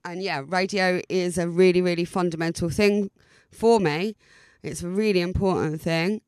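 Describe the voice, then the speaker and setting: A woman's voice: lowish voice, steady tone, normal speed, darkish tone, clean tone, dry recording. A woman in her forties with an Essex accent tells her own story as a podcast host, in an informal, chatty way, hesitating and repeating words for emphasis. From Essex, England. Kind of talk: informal autobiographical podcast monologue.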